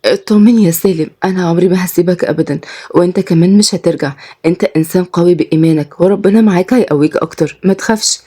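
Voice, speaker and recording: A woman's voice: on the low side, very fast, mellow, husky. A woman voicing a kind, devout young woman who speaks sincerely and reassuringly in Egyptian Arabic.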